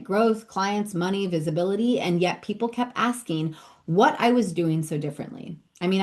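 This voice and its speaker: A woman in her thirties, a business coach hosting a podcast, talking energetically and emphatically in a casual motivational monologue full of rhetorical questions. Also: mid-range voice.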